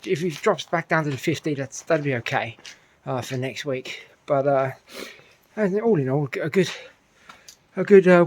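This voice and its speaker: A middle-aged man with a British accent, a little out of breath after a run, chatting casually to camera and rambling with lots of fillers and restarts. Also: fairly high pitch. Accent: British English. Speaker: running vlogger.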